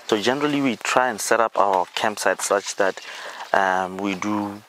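Walking through a campsite in dry bush, a man hosting a vlog casually explains the place with easy fillers, speaking at a moderate pace in a voice on the low side and a bit bright. The outdoor handheld camera audio is low quality, with clear noise.

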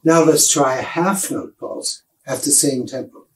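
Older guy teaching piano theory, slow and careful, talks it through step by step. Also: medium pitch, rough recording. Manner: measured, explanatory, unhurried. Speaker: piano professor. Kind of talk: music lecture.

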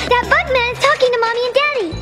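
Squeaky, excitable little girl. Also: fast talker. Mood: alarmed. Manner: shrill, insistent. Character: excitable, stubborn little sister, small girl. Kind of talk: cartoon acting. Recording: loud music behind.

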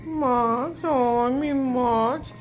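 A woman's voice: sits high, very slow, faint music behind. A woman teasing and coaxing her pet bird in baby talk. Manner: coaxing, teasing sing-song. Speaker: pet owner.

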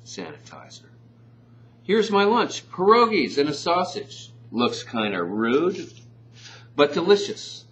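A middle-aged man giving a playful, jokey sales demonstration as a company spokesman. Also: medium pitch. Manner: jokey, animated, talks with mouth full at times. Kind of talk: playful sales demo talk. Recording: dull lo-fi sound with faint hum.

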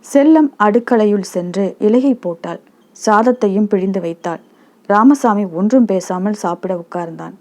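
A woman narrating a short story as a storyteller, in a calm, measured reading. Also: medium pitch.

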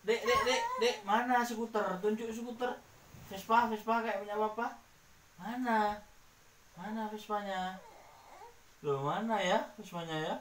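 A woman's voice: mid-range voice, a little slow, long pauses. A woman in a home video repeatedly prompting a toddler to find pictures and make animal sounds. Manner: repetitive, lively prompting of a small child. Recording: echoey, distant home-video sound with clear noise.

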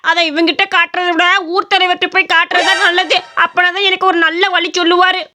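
A woman's voice: very high-pitched, flat delivery, brisk, sharp tone. A woman voicing a cheeky village boy. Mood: complaining. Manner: cheeky and scolding, village Tamil. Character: poor young village boy selling idlis, cheeky. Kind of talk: cartoon story voice acting.

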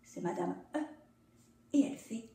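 A woman teacher giving a phonics lesson for young children, in an animated storytelling tone and drawing out each vowel sound. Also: on the low side, unhurried, slight background noise. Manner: stretches out demonstrated vowel sounds. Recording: echoey room, voice from a distance.

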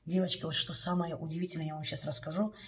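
A woman's voice: sits low, little pitch movement, fast talker, far from the mic. A woman telling a personal story to her viewers in a chatty, confiding way, often calling them "girls". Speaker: vlogger.

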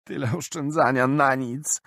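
A man's voice: medium pitch, sing-song, moderate pace, slightly rough, no echo, studio quality, pitched above the performer's own voice. A man voicing a stocky bald traveler who has been robbed, pleading and tearful. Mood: aggrieved, despairing.

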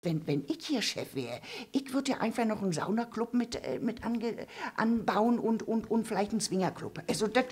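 A woman with a slightly high, darkish voice and a breathy edge animates a gossipy old female puppet at a moderate pace. Set on a dark theatre stage, the puppet rambles, stammers and restarts her sentences amid plenty of fillers.

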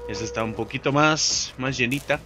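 A young man with a Mexican accent commenting on his own gameplay, excitable, swearing and yelping when startled. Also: mid-range voice, a little fast, over music. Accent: Mexican Spanish. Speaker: gaming commentator. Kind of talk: let's play commentary.

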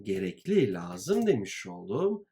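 Man, teacher, grammar walkthrough, unhurried, repeats phrases, lively intonation. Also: lowish voice. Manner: slow, deliberate, repeats phrases. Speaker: French teacher.

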